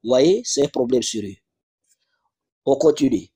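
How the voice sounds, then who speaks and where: A man's voice: medium pitch, expressive, measured pace, mellow, husky. A man reading out religious texts in a live online debate, insisting and repeating rhetorical questions.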